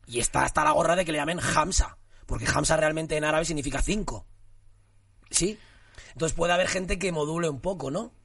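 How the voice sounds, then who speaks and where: A man's voice: a little high, brisk, gravelly, a bit bright, slightly rough, dry recording, studio quality, far from the mic. A young man chatting casually on a podcast, teasing and joking.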